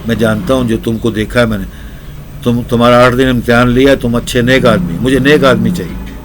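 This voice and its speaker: A man's voice: mid-range voice, background noise, natural voice. A man voicing a wise, generous king who lectures and praises a poor laborer in long, repetitive lists. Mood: reassuring. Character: generous wise old king, kindly and commanding.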